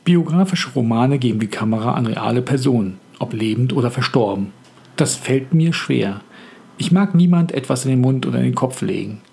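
A man who is an author hosting a scripted podcast on the craft of writing, speaking in a calm, reflective and measured way. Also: mid-range voice, gravelly, slightly rough.

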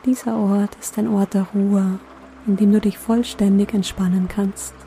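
A woman guiding a sleep meditation in a gentle, soothing, unhurried manner with long pauses. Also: mid-range voice, level tone, a little hiss or hum. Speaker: meditation guide, host.

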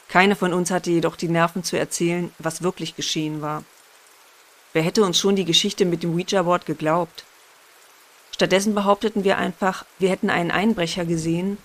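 A woman narrating a first-person horror story in a measured, suspenseful way. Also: fairly low pitch.

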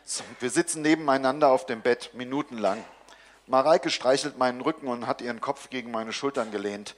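A man reading a comic first-person story aloud in a dry, deadpan manner. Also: mid-range voice, fairly quick.

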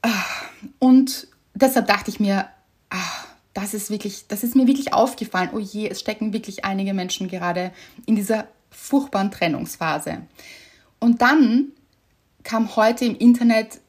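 A woman co-hosting a podcast in casual chat, telling a story with animated delight and frequent laughter. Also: medium pitch. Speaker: podcast co-host.

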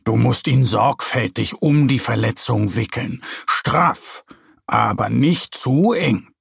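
A man's voice: medium pitch, slow, gravelly, breathy edge, dry recording, clean studio sound, exaggerated voice. A man voicing a kind, patient father bear in a children's audio story, reassuring and explaining. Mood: caring.

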